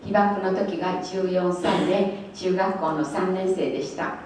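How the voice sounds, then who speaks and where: A woman in her eighties giving spoken testimony as a guest speaker, in short measured phrases that leave room for an interpreter. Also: lowish voice, fairly even intonation, darkish tone. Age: 80s. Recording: echoey hall from far off with faint noise.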